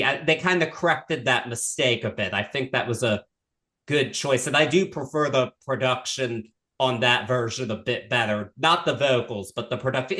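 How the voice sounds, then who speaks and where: A chatty man co-hosting a podcast about albums, with a voice of ordinary middle pitch. He is opinionated and readily laughs at his own slips. The delivery is relaxed and conversational. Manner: chatty, self-deprecating, opinionated. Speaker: podcast co-host. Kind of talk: casual music discussion.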